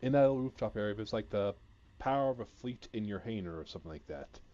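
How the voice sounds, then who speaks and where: A man's voice: lowish voice, lively intonation, fast talker, mellow, lo-fi sound. A man chatting casually on a gaming stream, rambling and hesitant, full of fillers, sounding a bit sleepy. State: sleepy, yawning.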